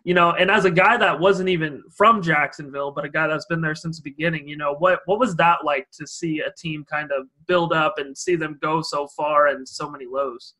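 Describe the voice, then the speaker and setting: A man's voice: on the high side, steady tone, moderate pace, few pauses, sharp tone. A young man from Idaho hosting a casual podcast interview, asking loose, rambling questions full of fillers. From Idaho, USA. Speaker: podcast host.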